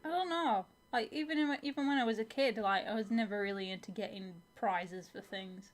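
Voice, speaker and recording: A woman's voice: mid-range voice, fairly quick. A woman chatting casually and informally in conversation. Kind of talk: casual chat.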